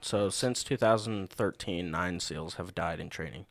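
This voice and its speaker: A man with a lowish voice chipping into a casual podcast chat about a book. He keeps his remarks short and now and then reads out a fact. The sound is dry and close. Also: measured pace, fairly bright tone, no room sound. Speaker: podcast co-host.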